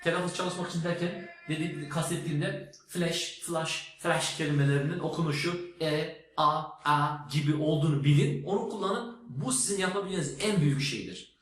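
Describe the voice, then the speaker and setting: A man's voice: fairly high pitch, a little fast. A man giving a spoken lesson, emphatic and teacherly, demonstrating words aloud. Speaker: English teacher. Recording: very echoey room with faint noise.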